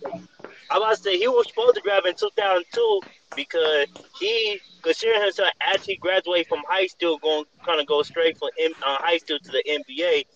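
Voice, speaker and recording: A man's voice: on the high side, sing-song, fairly quick, creaky, fairly bright tone, lo-fi sound. Man rambling through a sports story. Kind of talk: casual chat.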